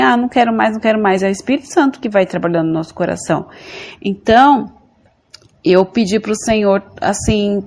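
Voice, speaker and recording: A woman's voice: mid-range voice, darkish tone. A woman from Brazil giving an earnest, repetitive religious testimony, often calling her listeners brothers and sisters. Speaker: church member giving testimony.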